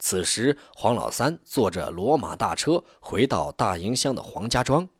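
A man narrating an audiobook novel in an expressive storytelling way. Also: on the low side, normal speed, husky, no room sound, clean studio sound.

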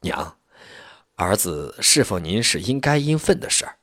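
Earnest kind young cadre guy, storyteller voicing him, husky, rises up when he gets fired up. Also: fairly low pitch, sing-song, measured pace, pushed and bright, dry recording, clean studio sound, heavily acted. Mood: reassuring. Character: young communist cadre, warm and reassuring.

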